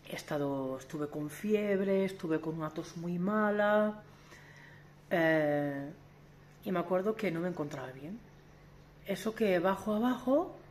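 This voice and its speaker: A woman's voice: fairly low pitch, a little mellow, slight background noise. A woman in her forties vlogging to camera in a candid, emphatic way, often restarting and asking rhetorical questions. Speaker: family vlogger. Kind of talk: talking to camera.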